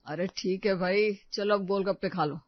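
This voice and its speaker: A woman's voice: medium pitch, moderate pace, no room sound, natural voice. A woman voicing a young husband who talks in a teasing, offhand way. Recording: slightly dull, dry close recording.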